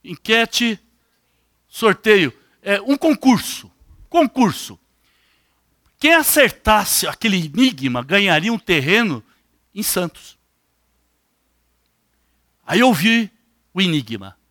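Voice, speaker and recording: A man's voice: high-pitched, slow pace, pauses often, dry recording, clean studio sound. An older man with a Brazilian accent preaching a sermon, putting questions straight to his congregation. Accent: Brazilian Portuguese. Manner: animated, questions the congregation directly.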